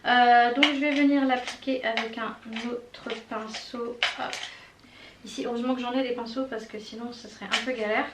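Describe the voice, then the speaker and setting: A woman's voice: on the high side, fairly even intonation, moderate pace. A woman doing a casual makeup tutorial, chatty and enthusiastic with many fillers and little exclamations. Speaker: beauty vlogger. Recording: roomy echo, mic at a distance, faint noise.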